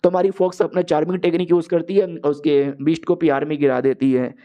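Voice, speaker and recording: A man's voice: fairly high pitch, level tone, quick pace, dull audio. Chatty young man recapping a story. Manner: chatty, addresses listeners as brother. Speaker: anime recap narrator.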